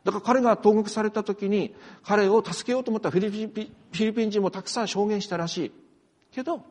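Male pastor, sermon, husky voice, lively pitch swings, long church reverb. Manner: animated, swings from soft to emphatic.

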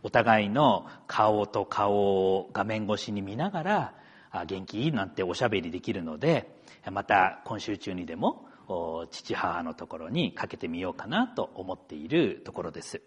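A man's voice: lowish voice, sing-song, moderate pace, husky, long reverb tail. A middle-aged man from Akita, a pastor giving a chatty sermon, talking straight to the congregation. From Akita, Japan. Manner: chatty, story-telling asides that address the congregation. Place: church sanctuary.

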